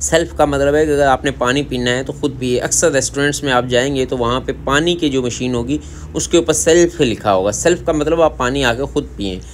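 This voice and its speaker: A man's voice: medium pitch, slight background noise. A man with a Pakistani Urdu accent giving a casual language lesson, saying each word again and again in a Korean-style pronunciation. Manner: repeats words slowly in a Korean-style pronunciation. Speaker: language teacher.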